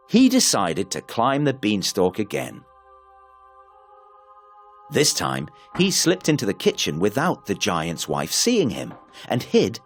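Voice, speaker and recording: A man narrating a fairy tale in an expressive, unhurried storybook reading. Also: mid-range voice, breathy edge.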